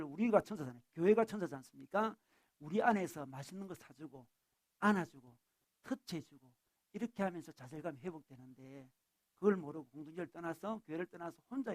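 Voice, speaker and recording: A male pastor gives a lively sermon and keeps shifting into acted voices for the people in his text. His voice sits high for a man and moves quickly. The sound is close and dry. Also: no echo. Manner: animated, acts out the scripture figures. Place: church.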